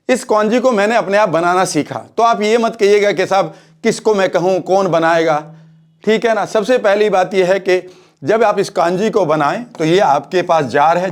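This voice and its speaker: A man explaining a home recipe step by step, checking in with the viewer as he goes and mixing English phrases into his Hindi. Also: high-pitched. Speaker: wellness coach.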